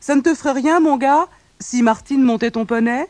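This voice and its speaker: A reader voicing a loud bossy mayor. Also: male voice, moderate pace, no room sound. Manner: loud, commanding, raised pitch. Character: pompous bossy rich middle-aged village mayor. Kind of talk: storybook reading.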